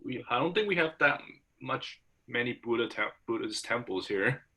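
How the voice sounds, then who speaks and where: This student, a young man from Hong Kong, is in a casual conversation with his professor, and his speech halts with many fillers and restarts. His mid-range voice is animated, bright and pushed, caught on a low-quality recording.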